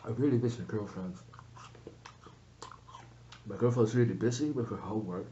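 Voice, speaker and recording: Soft low man talking while chewing. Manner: halting, soft-spoken, with many fillers and hums. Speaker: eating show host. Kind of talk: casual chat to camera. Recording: dull lo-fi sound with faint hiss.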